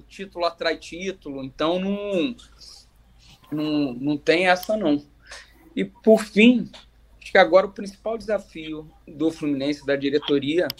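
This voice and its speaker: Slightly high-voiced Brazilian man, emphatic fan talk. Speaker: football podcast panelist. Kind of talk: casual fan commentary.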